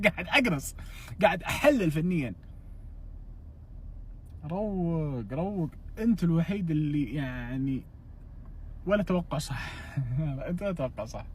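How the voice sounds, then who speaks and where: Teasing man, slightly high. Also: darkish tone, slight background noise. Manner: teasing, mocking. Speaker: football fan commentator. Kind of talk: teasing fan banter.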